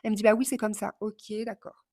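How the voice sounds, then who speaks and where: A woman in her thirties telling a personal story casually, impulsive and animated, swearing and mimicking the people she talks about. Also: medium pitch, quick pace, no echo, clean studio sound. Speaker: vlogger.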